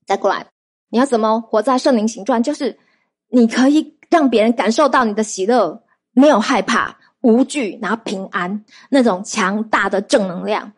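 Lively woman preacher telling testimonies. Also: on the high side, moderate pace, husky. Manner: lively storytelling with rhetorical questions to the audience. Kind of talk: sermon.

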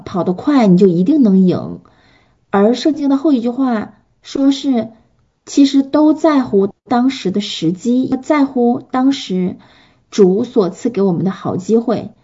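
An earnest woman preaching and answering questions as a pastor's wife, gentle in manner and often pausing on fillers. Her voice is very dark and mellow, with a husky edge. The recording sounds dull and lo-fi. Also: on the high side. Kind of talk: sermon and Q&A teaching.

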